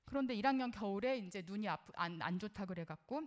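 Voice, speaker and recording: A woman's voice: medium pitch, animated, fast. A middle-aged woman giving a parenting lecture in an earnest, conversational way, often putting questions to her listeners and drawing on her own life as a mother. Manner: personal, shares her own experience as a mother.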